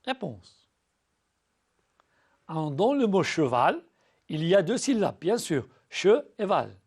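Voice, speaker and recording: A male teacher giving a recorded school lesson, speaking patiently to pupils and slowly spelling out syllables. He often repeats and restarts words. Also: fairly high pitch, big pitch swings, a little mellow, slightly rough.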